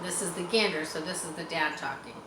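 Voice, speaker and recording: A woman reads a storybook aloud to children with expression, adding explanatory asides along the way. Her voice is low-pitched and brisk, recorded in an echoey room with faint background noise.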